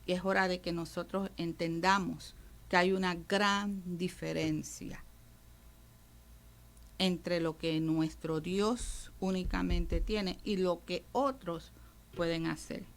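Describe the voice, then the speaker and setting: Speaking slowly in a lowish, steady voice, this Puerto Rican woman pastor delivers emphatic teaching on a radio devotional program. She has a Puerto Rican Spanish accent and addresses her audience directly as "brother."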